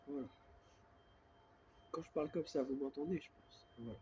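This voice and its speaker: A self-filmed vlogger, a somewhat high-voiced man with a stuffy head cold, speaks softly on purpose into a close-held phone in a casual monologue to camera. He rambles at a moderate pace, repeating filler words constantly while congested and coughing. The audio is dull, with a faint hiss beneath his voice.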